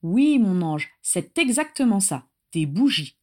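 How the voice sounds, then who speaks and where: A woman voicing a gentle young mother. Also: medium pitch, big pitch swings, a little slow. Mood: tender. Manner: soft, gently protesting.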